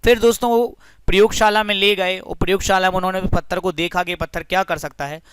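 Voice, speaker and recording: A man's voice: high voice, fairly even intonation, quick pace, a bit bright, smooth, no echo, studio quality. A young man teaching a physics lesson through a story, friendly and explanatory, often addressing the listeners as friends.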